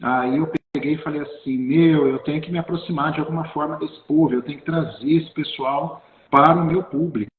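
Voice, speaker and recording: A man hosting a live interview, talking warmly and effusively with lots of halting restarts. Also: on the high side, steady tone, phone-quality sound. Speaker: host. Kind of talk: live video-call interview. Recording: roomy, echoey sound.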